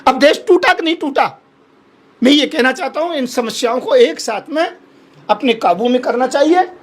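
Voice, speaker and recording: Brief: male holy man as debate guest, husky high voice, passionate and pleading, repeats his points. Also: moderate pace. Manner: impassioned, pleading, repeats himself. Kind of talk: heated televised debate.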